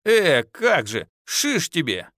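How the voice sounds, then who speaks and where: An earthy young peasant wife, teasing and quick to scold, in a raised, lively voice, as a male audiobook narrator puts her on. Her folksy talk swings up and down in a close, dry recording. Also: fairly high pitch, no room sound, voice pushed up.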